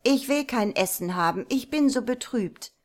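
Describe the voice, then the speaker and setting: A woman's voice: on the high side, animated, moderate pace, voice pushed up, natural voice. A woman doing a sly young peasant lad. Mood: feigned sorrow. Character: cunning young peasant lad, calm trickster.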